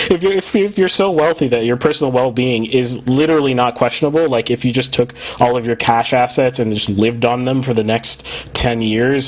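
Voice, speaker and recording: A man hosting a podcast in casual, rambling talk with many fillers, his overdriven mic clipping and distorting. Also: mid-range voice. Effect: clipping, distorted mic turned up too loud. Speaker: podcast host. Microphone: studio mic, gain set too high.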